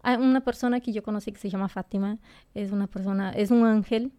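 A woman's voice: medium pitch, steady tone, quick pace, mellow. A woman from Brazil, a native Portuguese speaker with a Brazilian accent, talking earnestly as a guest and often searching for words. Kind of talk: casual interview chat.

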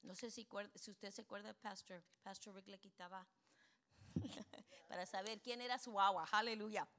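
A middle-aged woman preaching a bilingual sermon in Spanish and English, emphatic, peppering her lines with amens and slowing down on key points. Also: medium pitch, steady tone, a bit bright. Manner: switches between Spanish and English, frequent amens.

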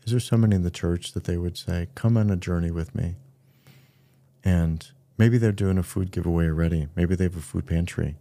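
Deep gravelly-voiced man, earnest pastor. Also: fairly quick, dark tone, no room sound. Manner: earnest storytelling, acts out quoted voices. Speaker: pastor and podcast co-host. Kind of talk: casual podcast conversation.

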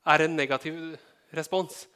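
In a steady, bright, smooth voice that is fairly high and forceful, a pastor from Norway delivers his sermon. He talks with the congregation in a relaxed way, asking questions and slipping in light jokes.

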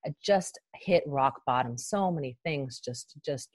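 A woman with a low voice talks as a podcast guest, frank and informal, as in candid personal storytelling. The recording is very dry, with no room around her. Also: unhurried, no room sound. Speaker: podcast guest, life coach.

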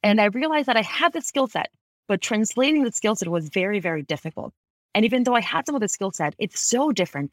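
In a conversational interview recorded in her Bay Area home office, a woman in her thirties from Ecuador discusses her career as a podcast guest. She speaks quickly and articulately at a medium pitch, frequently revising herself mid-sentence, with no echo.

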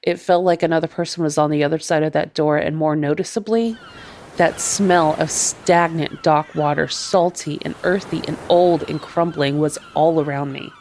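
Low-voiced woman telling a ghost story. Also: steady tone, darkish tone, dry recording. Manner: measured, deliberate storytelling. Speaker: podcast host. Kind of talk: first-person ghost story narration.

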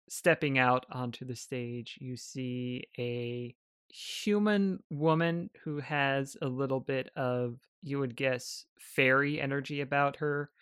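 A man narrates a tabletop game as game master, taking his time over each scene. His voice sits at a middle pitch and sounds dry and close to the mic. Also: fairly bright tone, clear, resonant tone, no echo. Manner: unhurried, descriptive.

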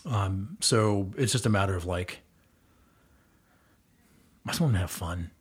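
This low-pitched, slightly rough voice belongs to a middle-aged guest who coaches girls' basketball as a volunteer. He speaks unhurriedly with lively intonation, rambling casually and earnestly about coaching his kids, with plenty of fillers and restarts.

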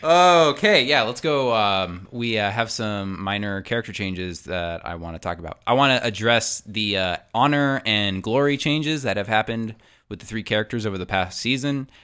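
A man running a tabletop roleplaying game on a podcast, his voice bright and crisp with a slightly low pitch. He is upbeat and laughs easily, and he explains the rules loosely as he goes. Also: moderate pace. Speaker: game master. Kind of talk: casual tabletop podcast chat.

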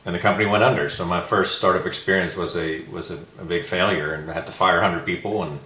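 A man from Sweden, a guest entrepreneur, telling his story in a relaxed, reflective interview. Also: low-pitched, quick pace, reverberant, poor audio. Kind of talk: casual interview chat.

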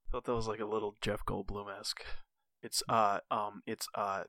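A man's voice: fairly low pitch, flat delivery, a little slow, pushed and bright, no room sound. A man co-hosting a podcast in casual chat, loose and jokey, swearing freely. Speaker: podcast co-host.

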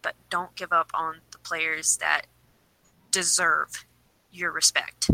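A woman's voice: deep voice, level tone, slow pace, creaky, sharp tone, no room sound, rough recording. A woman co-hosting a podcast, talking in an earnest, pleading way, her voice a little shaky from shivering in a cold room. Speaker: podcast co-host. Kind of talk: casual chat.

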